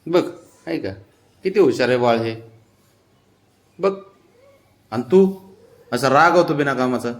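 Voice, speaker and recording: A man's voice: mid-range voice, lively intonation, slow, long pauses. A man with a Marathi accent, casually coaxing and scolding his sulking pet cat in a mix of pleading and baby talk.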